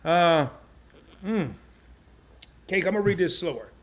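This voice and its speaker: A man hosting a casual live stream, animated and chatty, reading viewer comments aloud in loose slang. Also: high-pitched, a little slow. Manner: animated, chatty, repeats himself.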